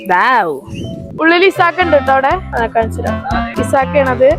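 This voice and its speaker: A woman's voice: sits high, normal speed, over music. A woman with a Kerala Malayalam accent hosting a casual vlog, chatting directly to viewers and companions. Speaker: vlog host.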